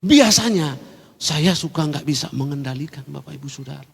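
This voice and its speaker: A male pastor preaching with a lively, swooping delivery, acting out each voice as he tells his story. His voice is a little husky and on the high side for a man. The sound rings with long reverb from a large church hall. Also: brisk. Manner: storytelling, acting out both sides of a quarrel. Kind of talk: sermon.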